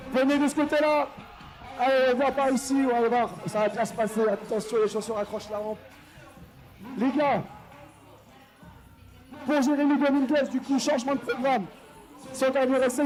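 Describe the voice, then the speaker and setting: A man's voice: very high voice, a little mellow, low-quality recording. A man announcing a live skate contest, teasing the riders and urging the crowd to cheer. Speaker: event announcer. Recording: live event audio with music behind.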